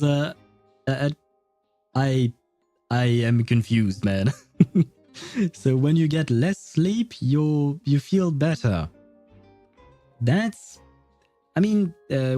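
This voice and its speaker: A man with a dark, mid-range voice is livestreaming a video game, chatting in a friendly, meandering fashion as he comments and reads lines aloud. He chuckles frequently.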